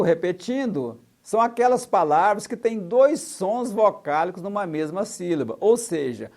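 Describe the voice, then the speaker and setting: A man's voice: sits high, darkish tone. A man teaching a recorded exam-prep lesson, listing examples one by one and spelling out letters methodically. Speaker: Portuguese teacher.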